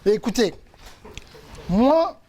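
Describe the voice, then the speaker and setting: A man's voice: very high voice, slow. A man from France, a coach giving a motivational faith testimony and acting out the people in his stories. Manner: animated storytelling, acts out quotes. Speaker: coach and speaker.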